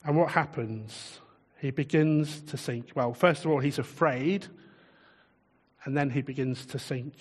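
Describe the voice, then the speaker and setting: A man preaching a sermon in a relaxed, conversational way, chuckling often and putting questions to his listeners. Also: mid-range voice, a little slow, slightly rough, long reverb tail.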